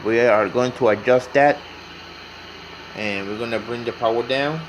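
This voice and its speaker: A radio repair hobbyist gives an informal hands-on tutorial, speaking in an unhurried, medium-pitched male voice over a noisy background. His narration is plain and instructive, and he repeats his instructions as he works.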